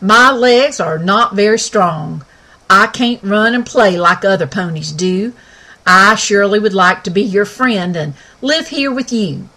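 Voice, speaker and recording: A woman's voice: mid-range voice, animated, unhurried, sharp tone, full character voice. A woman voicing a folksy young male cowboy pony in a storybook, with a drawling western manner of talk. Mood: earnest.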